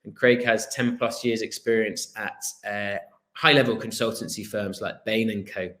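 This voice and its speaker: A Welsh man in his thirties, a business founder giving an earnest online presentation with a storytelling manner and the odd filler pause. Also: fairly low pitch, fairly even intonation, fairly bright tone. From Wales. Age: 30s. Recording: roomy echo.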